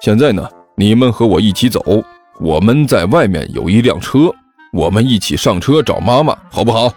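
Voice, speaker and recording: A man's voice: lowish voice, big pitch swings, moderate pace, a little mellow, faint music behind. A man voicing a child trafficker who puts on a forced, cheerful manner and stammers with uneasy laughs. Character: fake-friendly male child trafficker, grown man.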